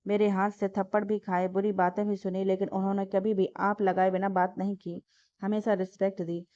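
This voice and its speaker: A woman voicing a heartbroken, lovesick young woman who pleads softly through tears. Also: medium pitch, flat delivery, brisk, no echo, natural voice. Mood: longing. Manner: soft, tearful pleading. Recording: dull lo-fi dry recording.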